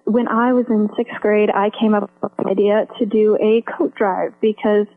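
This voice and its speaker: A woman's voice: medium pitch, fairly even intonation, normal speed. Young woman talking over a tinny phone. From US Midwest. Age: young adult. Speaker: charity organizer guest. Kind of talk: radio interview over the phone.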